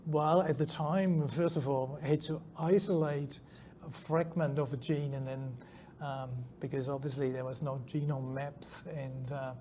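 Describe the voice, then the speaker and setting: At a conference venue with faint background noise, a middle-aged scientist guest answers interview questions haltingly, full of ums and restarts. Born in Germany, he has a New Zealand accent, and his voice is on the high side, dark, steady and a little slow.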